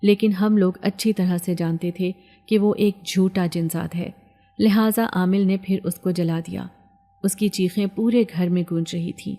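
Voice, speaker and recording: Low-voiced woman narrating a story. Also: dark tone. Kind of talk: scripted first-person story narration. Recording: long hall reverb.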